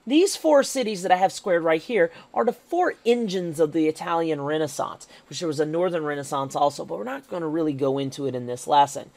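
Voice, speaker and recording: A woman's voice: sits low, brisk, hardly any pauses, darkish tone, no echo. A woman teacher giving a recorded history lecture over slides, emphatic and checking in with "okay?" as she goes.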